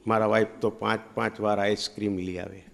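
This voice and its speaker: A male comedian, telling a teasing comic story on a live stage, and his pitch and loudness swing widely. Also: little pitch movement, brisk, vocal fry.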